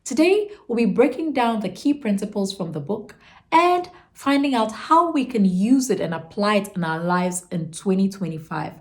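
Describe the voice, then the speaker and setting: Stuffy and nasal from a cold, a woman hosts her channel with a motivational book breakdown, speaking earnestly and encouragingly and stretching words for emphasis. Her mid-range voice swings widely in pitch at a moderate pace, in an echoey room with faint music.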